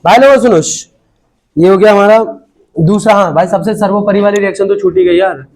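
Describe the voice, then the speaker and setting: A man's voice: sits high, a little fast, vocal fry, darkish tone. A man teaching a chemistry class to students, casual and joking, constantly asking whether they understood.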